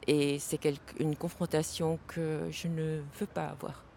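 A woman from Vietnam answering interview questions in a hesitant, halting way with many pauses and fillers, outdoors at a city station. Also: low voice, level tone, vocal fry, dark tone, a little hiss or hum.

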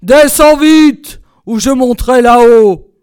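A woman voicing a cruel, hard-hearted nobleman who shouts his threats slowly and loudly. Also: medium pitch, dry recording, studio quality, natural voice. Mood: menacing shouting.

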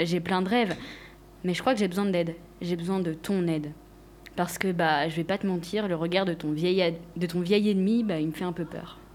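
A young woman leaves a voicemail, speaking in a fairly low voice. She hesitates, pokes fun at herself and fills her pauses with little filler words. A faint hiss of noise sits under her voice. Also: a little mellow. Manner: hesitant and self-mocking, full of fillers. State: leaving a voicemail. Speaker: radio columnist. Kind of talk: comic scripted monologue.

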